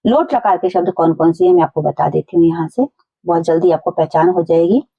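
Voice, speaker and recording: A woman teacher explaining a school lesson to children, going slowly and repeating each point in simple words. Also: fairly low pitch, breathy edge, lo-fi sound.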